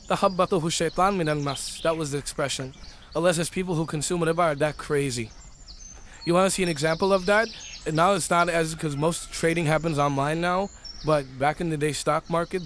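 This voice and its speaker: Brief: middle-aged man, Islamic lecture, lively, high voice, faint outdoor birdsong behind. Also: slight background noise. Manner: animated, acts out the voices of traders and arguers. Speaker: Islamic teacher. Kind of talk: tafsir lecture.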